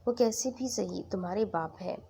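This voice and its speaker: A steady, reassuring young husband who keeps his head and speaks evenly, read out by a woman storyteller. The voice has a husky, gravelly grain and sits low and mellow. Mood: earnest. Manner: reassuring, level-headed.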